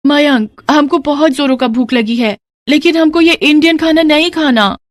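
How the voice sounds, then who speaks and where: A woman voicing a naive young foreign bride who speaks broken, ungrammatical Hindi in a high, childlike voice. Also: normal speed, no echo, lightly acted. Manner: broken Hindi grammar, wide-eyed.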